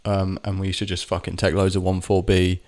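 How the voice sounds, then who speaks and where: A man with a deep, low voice tells a personal story in a loose, rambling way. He swears freely and keeps stopping to correct himself mid-sentence. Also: monotone, brisk, a little mellow. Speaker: vlogger. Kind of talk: casual storytelling monologue.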